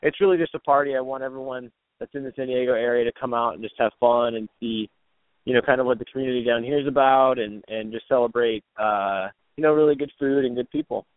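A man's voice: mid-range voice, fast talker, no room sound. Casual man on a tinny phone line. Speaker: guest caller. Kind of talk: casual chat. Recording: dry, tinny phone-like call.

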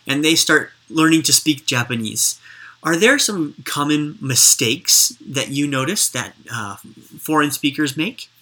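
A woman's voice: low voice, animated, a little slow, sharp tone. A woman interviewer chatting casually and encouragingly, explaining things with examples.

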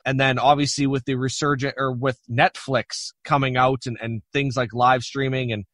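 A man's voice: mid-range voice, level tone, moderate pace, fairly bright tone, no room sound, studio quality. A man hosting a podcast in a casual, conversational interview style. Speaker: podcast host.

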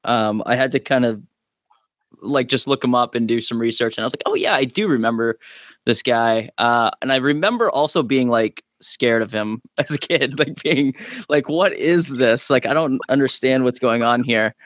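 Male podcast panelist, average pitch, dry recording, casual rambling talk with hesitant filler-filled phrasing. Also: normal speed, a bit bright, no echo. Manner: loose, hesitant phrasing with many 'like' fillers. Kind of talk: casual chat.

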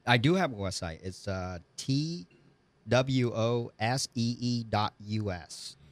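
A man's voice: medium pitch, takes it slowly, no echo. A man in his forties with a Vietnamese accent, a custom gunsmith and engineer talking in a casual interview, hesitant with many fillers and broken grammar.

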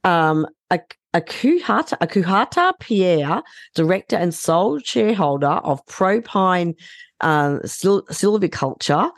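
A woman co-hosting a podcast, chatting casually about the news, blunt and expressive, swearing freely and laughing often. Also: lowish voice, measured pace, no room sound. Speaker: podcast co-host.

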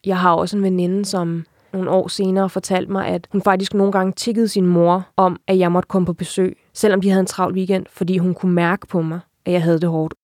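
Young woman interviewee, lowish voice, open and reflective storytelling. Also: little pitch movement, few pauses, darkish tone, no echo, studio quality. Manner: reflective and open, frequent filler tags. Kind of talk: candid personal account.

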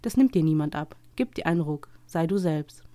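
Sex: woman. Figure: a woman voicing a calm, encouraging dream man. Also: deep voice, normal speed, no room sound. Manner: warm, reassuring.

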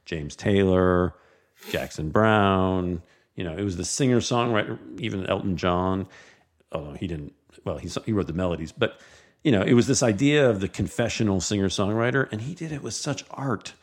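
Dude breaking down songs, lowish voice, swears, lots of you know what i mean. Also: male voice, moderate pace. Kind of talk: casual music chat.

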